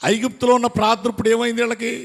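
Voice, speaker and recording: High-voiced man preaching in a reverberant hall. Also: flat delivery, racing, gravelly. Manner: impassioned preaching, rhetorical questions, bursts of shouting; addresses the congregation directly. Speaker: pastor. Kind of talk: sermon. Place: church hall with congregation.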